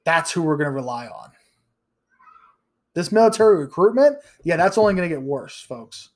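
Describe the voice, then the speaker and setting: A man in his thirties hosts a solo podcast in a blunt, profane rant. His voice sits slightly high for a man, and he often restarts his sentences as he pushes his points. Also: sing-song, normal speed. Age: 30s. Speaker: podcast host. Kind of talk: ranting solo podcast commentary.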